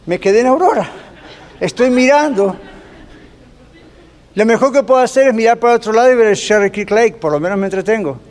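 A man's voice: sits high, fairly quick, long pauses, darkish tone. A middle-aged man preaching a sermon as a pastor, telling an everyday story and slipping in English phrases. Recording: long reverb from a hall.

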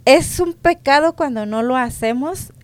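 Earnest higher-voiced woman co-host. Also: unhurried, no room sound. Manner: earnest, reasoning aloud.

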